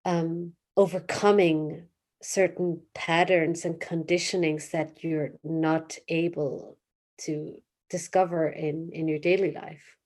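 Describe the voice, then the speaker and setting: Low-voiced woman talking in restarts. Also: flat delivery, slow pace, darkish tone. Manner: searching for words, many fillers and restarts. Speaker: therapist guest. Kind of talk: casual interview talk.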